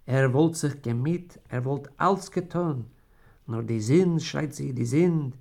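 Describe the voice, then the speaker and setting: A man's voice: medium pitch, a little slow, vocal fry, warm tone. A man reading a story aloud in a solemn, theatrical way. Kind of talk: dramatic literary reading.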